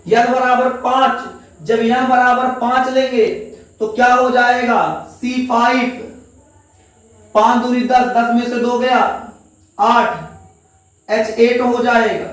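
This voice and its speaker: A male teacher with a lilt gives a classroom chemistry lecture, coaxing students and repeating each answer back as a question. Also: extremely high pitch. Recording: echoey room, voice from a distance.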